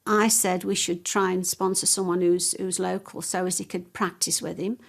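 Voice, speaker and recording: A woman's voice: lowish voice, flat delivery, moderate pace, vocal fry. A woman speaking hesitantly in a reflective interview.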